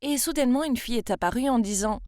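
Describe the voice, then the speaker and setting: Woman in her 20s from France, confiding first-person narration, fairly high voice, dry close sound. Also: fast talker, a little mellow, dry recording. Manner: confiding, emotional storytelling.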